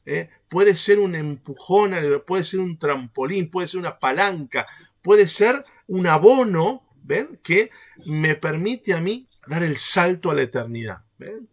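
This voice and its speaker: Lively man leading a faith workshop. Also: high voice, unhurried. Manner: animated, keeps checking in with the group through rhetorical questions. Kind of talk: teaching a catechesis workshop.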